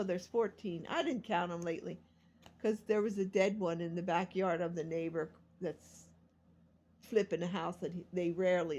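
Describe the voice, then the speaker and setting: In a rambling, confessional vlog, a woman in her sixties who is a self-published author talks about her life, meandering and poking fun at herself. Her voice is medium-pitched, darkish, and slightly rough.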